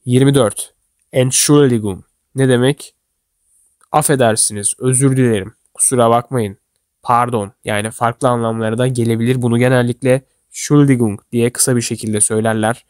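A man's voice: medium pitch, darkish tone, dry recording. Man teaching German phrases, dry sound. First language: Turkish. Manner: slow, deliberate model phrases in German. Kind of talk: instructional explanation for learners.

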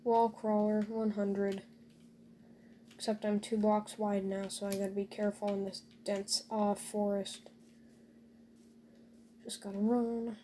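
A woman's voice: mid-range voice, warm tone, slight background noise. A woman casually commentating her own gameplay, talking to viewers with joking asides and dry sarcasm.

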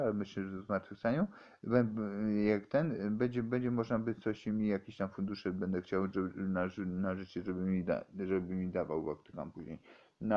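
Halting, rambling man on a muffled recording. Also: low-pitched. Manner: halting, many restarts and repeated words. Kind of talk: rambling amateur explanation.

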